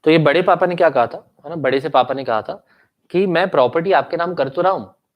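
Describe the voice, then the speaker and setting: A man's voice: on the high side, a little fast, highs cut off. Indian man lecturing with a sore throat. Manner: mixes Hindi and English, coaxing students with tag questions. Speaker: commerce law lecturer. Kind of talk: online lecture reading chat questions.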